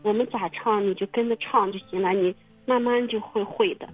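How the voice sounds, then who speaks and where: A woman telling her own story in casual testimony, halting and repeating her words with many fillers. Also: medium pitch, fairly even intonation, soft background music. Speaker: testimony guest. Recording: muffled phone-line radio recording.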